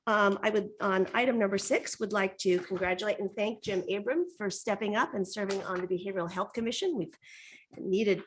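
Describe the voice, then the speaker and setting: A woman chairing a public board meeting, speaking formally and courteously in a halting, pause-filled way. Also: medium pitch, slight background noise. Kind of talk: formal meeting facilitation with spoken remarks.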